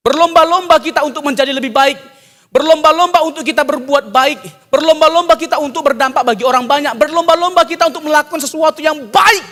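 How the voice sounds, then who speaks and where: A man preaching a sermon, animated, jumping from loud exclamations to soft asides and mimicking people for laughs. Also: extremely high pitch. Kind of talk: sermon with jokes. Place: church hall. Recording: long church hall reverb.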